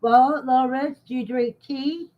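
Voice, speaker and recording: A woman in her sixties hosts a casual livestream chat, reading viewer comments aloud and responding in a folksy, talkative way. Her voice is high-pitched, her tone steady and her pace unhurried, and the recording sounds dull and lo-fi.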